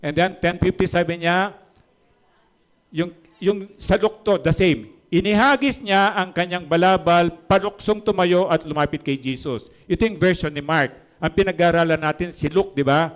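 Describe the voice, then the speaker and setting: A man preaching a sermon, switching between quiet storytelling and loud, high-pitched emphasis. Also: normal speed. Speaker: pastor.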